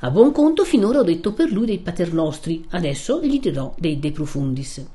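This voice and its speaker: A woman's voice: fairly low pitch, big pitch swings, fairly quick, dark tone. A woman reading aloud, voicing a determined young village man who speaks plainly and firmly. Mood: eager. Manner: resolute, plain-spoken. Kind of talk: reading a classic novel aloud.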